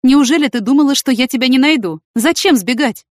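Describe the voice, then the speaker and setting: A woman's voice: high-pitched, expressive, a little fast, dry recording, clean studio sound, pitched above the performer's own voice. A woman voicing a composed, confident young man who speaks firmly and evenly. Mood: reproachful.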